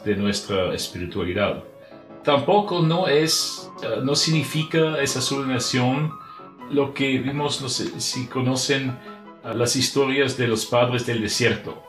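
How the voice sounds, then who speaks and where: Slow, halting Austrian-accented man. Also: mid-range voice, a bit bright, reverberant. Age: middle-aged. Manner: halting, non-native speech with searching pauses. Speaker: religious brotherhood member, communications director. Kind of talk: prepared spiritual reflection for a podcast.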